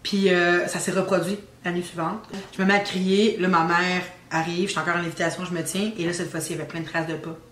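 A young woman with a Québécois accent, casually telling an animated ghost story on a podcast. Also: fairly low pitch, fast, few pauses. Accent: Québécois French. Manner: animated storyteller, teasing suspense. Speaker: guest telling her story. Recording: roomy with faint ambient noise.

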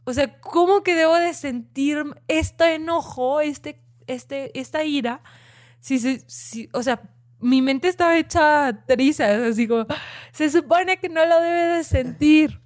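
High-voiced woman telling a personal story. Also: slow. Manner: animated, many "o sea" fillers. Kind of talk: personal storytelling in casual chat.

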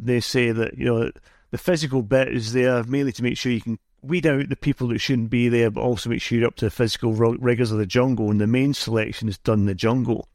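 A man's voice: mid-range voice, a little mellow, no echo, studio quality. A man hosting the podcast, asking long, rambling questions. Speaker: podcast host. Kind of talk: interview questions.

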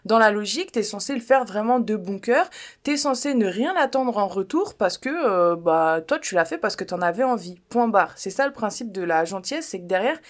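A woman's voice: mid-range voice, lively intonation, moderate pace. A woman hosting a podcast, talking in a casual, blunt and playful way, directly addressing the listener. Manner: chatty, blunt and playful, slips in joking foreign-accent bits. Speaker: podcast host. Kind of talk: casual self-help podcast monologue.

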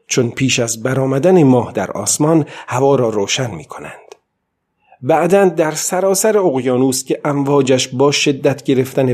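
A man narrating an audiobook at a measured, steady pace. His voice is husky and mid-pitched, and he keeps the reading even and calm.

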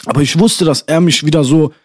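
A man's voice: a little high, fairly quick, no echo, studio quality. A young man in a casual chat, animatedly telling a school story to his friends and often calling them "Bruder".

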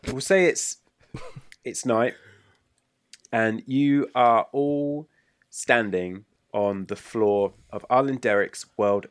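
Game master, relaxed rambling narration, low register, dry close sound. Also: male voice, dry recording. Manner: relaxed, rambling description with fillers.

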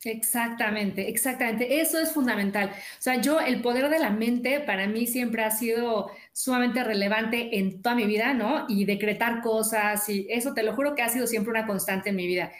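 A woman's voice: a little high, moderate pace, few pauses. A woman, a sales coach and author, chatting in an upbeat way in an interview and acting out quoted dialogue. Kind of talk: casual interview chat. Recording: roomy echo.

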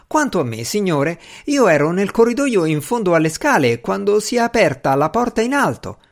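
A shrill, squeaking male asylum attendant, bruised and outraged, who bursts out in complaint, as a male reader puts him on. His high voice leaps about with lively swings of pitch in this audiobook scene. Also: moderate pace, creaky, heavily acted. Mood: aggrieved. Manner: shrill, aggrieved, protesting. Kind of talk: audiobook character reading.

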